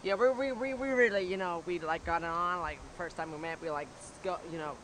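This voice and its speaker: A pop band member chats loosely between takes, his voice a little high. He keeps restarting sentences. Loud outdoor ambience surrounds him. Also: fast talker, noisy background. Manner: rambling, stumbling restarts. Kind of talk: casual behind-the-scenes chat.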